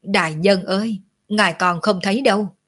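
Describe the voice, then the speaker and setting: A woman voicing a crafty young male shopkeeper who flatters officials and plays the victim. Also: mid-range voice, moderate pace, breathy edge. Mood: fawning complaint. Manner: pleading, flattering, theatrically aggrieved.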